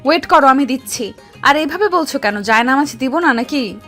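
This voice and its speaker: A woman playing a short-tempered, bossy young wife who can soften, in an acted audio love story with music behind. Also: high-pitched, expressive, a little fast. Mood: sleepy irritation.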